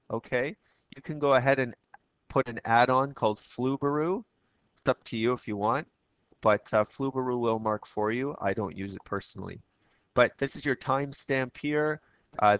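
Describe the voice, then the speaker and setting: In a froggy, croaky voice of medium pitch and slight brightness, a male teacher chats casually through a screencast tutorial step by step, often checking in with "okay?". The recording is dry.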